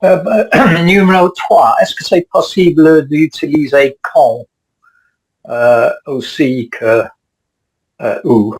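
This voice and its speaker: Man, student, slow unhurried delivery, hesitant, video call. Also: a little high, rough recording. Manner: hesitant, halting. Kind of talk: asking a question in class.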